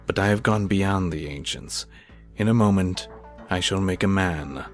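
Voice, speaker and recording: A man with a low voice plays an obsessed, arrogant scientist who creates a monster in a grandiose, theatrical amateur audio drama. He speaks a little slowly in an exultant, grandiose mood, with faint music behind him.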